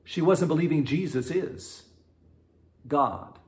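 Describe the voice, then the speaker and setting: A man, a pastor, teaching from the Bible in a casual, animated way, laughing often and acting out the quotes. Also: on the high side, slow pace.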